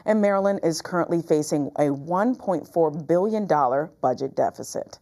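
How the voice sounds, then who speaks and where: A woman's voice: deep voice, lively intonation, normal speed, warm tone. A woman with an American accent presenting the news as a co-anchor. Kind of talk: scripted news reading.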